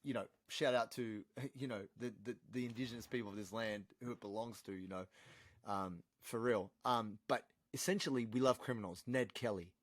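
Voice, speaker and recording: An Australian man, a podcast guest, chatting casually and telling animated, swear-laced stories. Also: mid-range voice, normal speed, dry recording. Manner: animated storyteller, swears freely.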